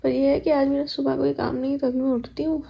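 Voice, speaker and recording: A woman's voice: high voice, little pitch movement, a little fast, gravelly, muffled recording. A young woman chatting to her viewers at home in a casual vlog, telling stories about her day. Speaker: vlogger. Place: at home, kitchen.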